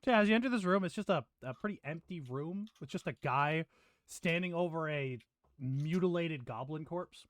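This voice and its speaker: Male game master, fairly high voice, dry close sound, energetic, scattered, swears. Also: moderate pace, no echo. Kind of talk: narrating a tabletop game on a live stream.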